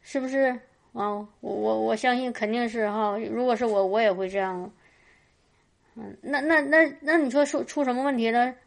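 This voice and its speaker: Here a woman's slightly high, creaky voice delivers a fervent testimony-style sermon at a church gathering at a moderate pace. Hallelujahs ring out often, and she stumbles over her words, repeating them.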